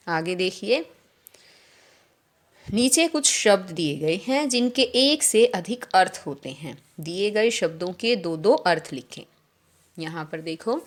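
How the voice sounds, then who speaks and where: Slow, patient woman teacher. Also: medium pitch, a bit bright. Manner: explains slowly, keeps asking children if they understood. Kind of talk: recorded Hindi lesson for young children.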